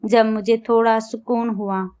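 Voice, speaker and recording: A woman telling a first-person story as narrator, reading at a steady, even pace. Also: fairly high pitch, a little slow, clean tone, highs cut off.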